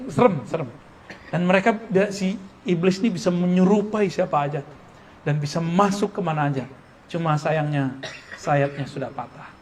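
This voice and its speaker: A man with a high voice gives an Islamic lecture in relaxed style speech. He is lively and jokes with his listeners, often breaking into laughter. Faint background noise sits under his voice. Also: moderate pace. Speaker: preacher. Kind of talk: religious study lecture. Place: Islamic boarding school gathering.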